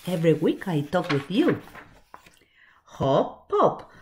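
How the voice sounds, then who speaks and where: A storytime reader with a lowish voice reads a picture book aloud to small children, very slowly and with animation, over slight background noise. Expressive, she breaks off for asides and questions, in a small shelved indoor room.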